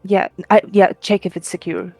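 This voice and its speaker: A woman's voice: medium pitch, flat delivery, normal speed, vocal fry, darkish tone, dry recording, faint music behind. A woman speaking casually as a player in a tabletop role-playing game.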